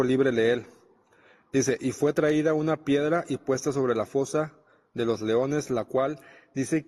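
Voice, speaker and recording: A man's voice: mid-range voice, darkish tone, big-room sound. A man preaching a Bible study, reading scripture and explaining it conversationally.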